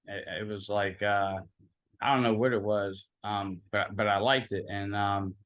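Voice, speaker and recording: This interview guest, a young man from Philadelphia who grew up speaking Italian first, rambles through stories in casual conversation, leaning heavily on fillers. His fairly low, fairly bright-toned voice shows little pitch movement and a measured pace, and the audio sounds dull.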